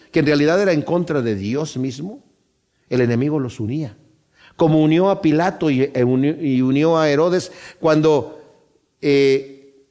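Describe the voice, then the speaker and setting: A man preaching a Bible-study sermon, speaking emphatically to his congregation and slowing down to read scripture aloud. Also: fairly high pitch, a little mellow. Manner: addresses the congregation directly.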